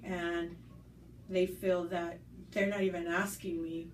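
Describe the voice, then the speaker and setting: This woman's voice sits lowish and level, and she takes her time. She was born in the United States and works as school staff, and during this conversational interview she speaks earnestly and thoughtfully, with fillers and restarts. The sound is roomy, from a distant mic, with faint noise in the background.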